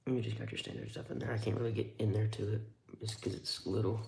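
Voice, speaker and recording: Low gravelly man in an echoey room. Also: level tone, quick pace, dark tone. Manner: rambling, wry remarks while handling tools. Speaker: live streamer reviewing multi-tools. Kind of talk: casual live-stream commentary.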